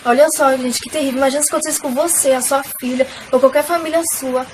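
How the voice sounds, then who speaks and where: A woman's voice: high voice, fairly even intonation, quick pace, a little mellow, slight background noise, low-quality recording. A young woman, emotionally telling viewers a personal faith testimony in a casual, filler-filled way. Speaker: vlogger.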